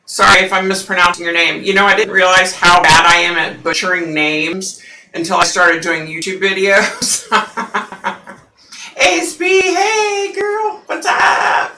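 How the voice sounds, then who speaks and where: Using a medium pitch and a measured pace, a woman with a scratchy, husky, pushed, bright voice hosts a psychic livestream from home. She chats casually with viewers, rambling and using plenty of fillers. The sound is distant and roomy.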